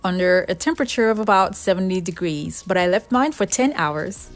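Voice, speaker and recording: Animated and brisk, a woman with a fairly low-pitched voice delivers scripted, explanatory narration for a DIY craft tutorial, one step at a time, backed by music.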